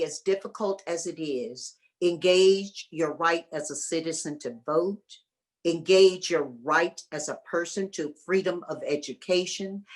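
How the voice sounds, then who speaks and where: A woman giving an earnest motivational talk as a guest speaker, speaking with a preacher-like emphasis over a video call. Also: low-pitched. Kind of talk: motivational speech.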